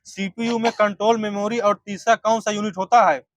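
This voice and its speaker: Brisk male teacher running a quiz. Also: high voice, little pitch movement, no room sound. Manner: brisk, corrects answers, urges students to speak up. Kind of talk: oral quiz in class.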